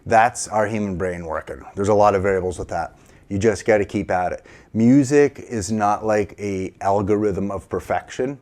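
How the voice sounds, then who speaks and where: A man's voice: fairly low pitch, moderate pace, darkish tone. A middle-aged man teaching a casual piano lesson, encouraging and counting aloud, a little sleepy. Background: piano playing.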